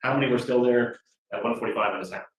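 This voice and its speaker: A man's voice: medium pitch, racing. A man cross-examining a witness as defense attorney on a courtroom recording, with a folksy, conversational manner. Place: large courtroom, indoors. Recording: echoey courtroom, far from mic.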